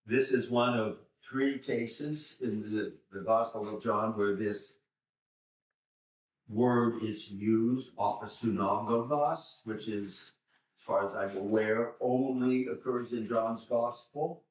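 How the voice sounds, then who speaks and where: An older man, a seminary professor, slowly reading and explaining scripture to a class. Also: on the low side, fairly even intonation. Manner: slow, deliberate, pauses to explain Greek words. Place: church hall. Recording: roomy church hall, mic far off.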